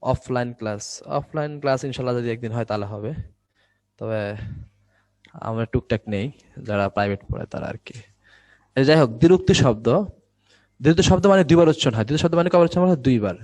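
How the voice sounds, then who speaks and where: The teacher is a young man giving an online Bangla grammar class indoors, and his average-pitched voice has a darkish tone. He keeps quizzing the class with quick questions, then answers them himself, all in a close, dry recording free of room echo.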